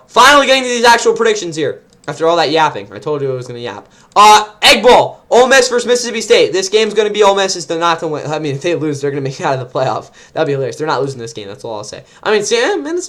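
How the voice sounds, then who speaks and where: A young man hosts his own sports picks show, rattling off opinions at a rapid clip. His voice sits fairly high and he rambles, stumbles and corrects himself as he goes. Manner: rambling, excitable, self-correcting. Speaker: host. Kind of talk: casual sports predictions.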